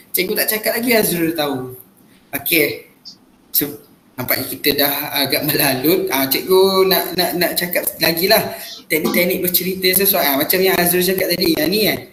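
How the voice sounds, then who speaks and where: A man's voice: high voice, a bit bright, roomy sound, slight background noise, poor audio. A man playing a teacher, explaining patiently with lots of filler sounds. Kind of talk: classroom role-play lesson.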